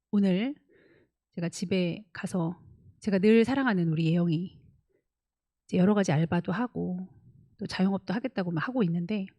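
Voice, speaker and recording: A middle-aged woman pastor preaching a sermon, animated, acting out dialogue with her daughter in different voices. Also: medium pitch. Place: church sanctuary.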